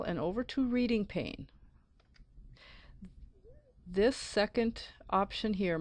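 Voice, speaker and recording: A woman narrating a screencast software tutorial as an IT support instructor, explaining methodically step by step. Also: on the low side, dry recording. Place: close, dry voice-over for a screen recording.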